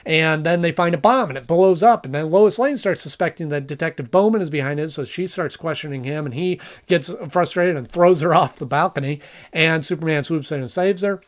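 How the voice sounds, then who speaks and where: A man's voice: fairly high pitch, brisk. A man giving a casual, conversational review and recap as a reviewer.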